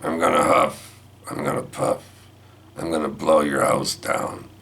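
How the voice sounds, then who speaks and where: A man's voice: very deep voice, level tone, measured pace, creaky, fairly bright tone, full character voice. A man voicing the big bad wolf threatening to blow a house down. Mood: menacing.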